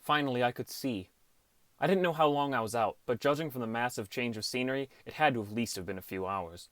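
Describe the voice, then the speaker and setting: Playing a downcast teenage boy, a male actor reflectively narrates his gaming adventure in first person, wry and understated like an audiobook, with music in the background. His medium-pitched voice is a bit bright and quick, lightly acted, with no echo.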